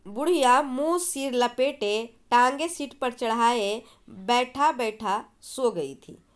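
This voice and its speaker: A woman's voice: fairly high pitch, slow pace, clean tone. A woman teacher reading a story aloud and explaining it, asking and answering her own questions. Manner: explanatory, asks and answers herself.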